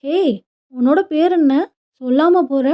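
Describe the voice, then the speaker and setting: A woman's voice: high voice, a little slow. A woman storyteller voicing a young woman who is hurt, then curious and childlike. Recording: dull lo-fi recording.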